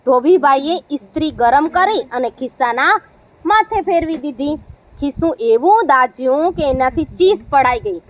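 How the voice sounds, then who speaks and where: High-voiced woman teacher telling a story. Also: expressive, moderate pace, low-quality recording. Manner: explains to the class with questions, playful. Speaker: primary school teacher. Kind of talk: storytelling lesson for children.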